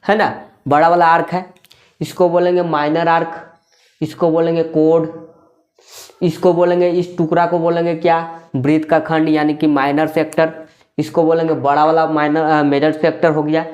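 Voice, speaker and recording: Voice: mid-range voice, flat delivery, moderate pace, a little mellow. A maths teacher explaining in a classroom style, repeating key terms, asking rhetorical questions and checking in with short tag questions.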